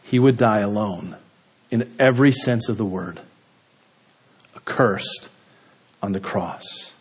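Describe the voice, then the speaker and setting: A man preaching a sermon, slow and deliberate, letting his voice drop low and quiet at the end of each phrase. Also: slightly rough. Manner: slow, deliberate delivery with dramatic drops in pitch and volume at phrase ends. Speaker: pastor.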